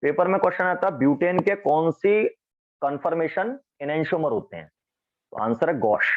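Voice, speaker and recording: At a moderate pace, a male chemistry teacher explains material to his class in a lively, slightly high voice that swings up and down. He questions his students often. The recording has a thin, phone-like quality.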